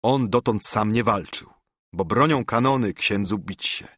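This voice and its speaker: Husky male narrator for an epic verse reading, dry and close. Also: fairly low pitch, a bit bright, no room sound. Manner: measured verse recitation. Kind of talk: reading an epic poem aloud.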